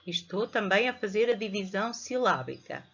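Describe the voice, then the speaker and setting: A woman's voice: mid-range voice, lively intonation, normal speed, fairly bright tone, breathy edge. A middle-aged woman with a European Portuguese accent teaching a reading lesson to young children, patiently spelling out syllables. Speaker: primary school teacher. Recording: dull lo-fi home recording.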